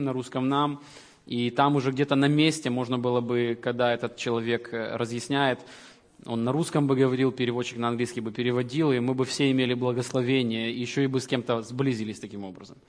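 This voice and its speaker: A man giving announcements to his congregation as the leader of a church Bible school, earnest and halting, often restarting his sentences. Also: mid-range voice. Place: church hall. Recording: reverberant hall.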